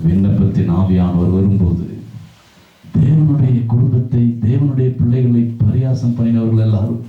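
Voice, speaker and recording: A man preaching a sermon in call-and-response style, his voice rising to shouts, recorded from afar in a church hall on a lo-fi recording. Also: mid-range voice, normal speed, far from the mic.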